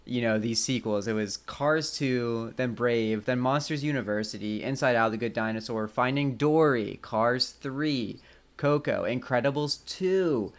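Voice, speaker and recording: A man's voice: medium pitch, unhurried. A man co-hosting a film podcast, chatting casually and rambling with many fillers. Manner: rambling, heavy use of "like" fillers. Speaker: podcast co-host.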